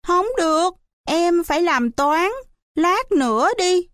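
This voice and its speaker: A woman reading an audiobook, voicing a timid little girl who pleads in a high, whiny voice. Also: animated, takes it slowly, fairly bright tone, no room sound, clean studio sound, exaggerated voice. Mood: hesitant.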